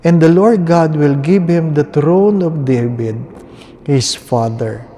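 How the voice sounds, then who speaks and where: A priest, reading the gospel and preaching slowly and solemnly at Mass, with the long reverb of a large stone church around him. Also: male voice, mid-range voice, mellow. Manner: slow, measured, solemn delivery. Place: large basilica indoors.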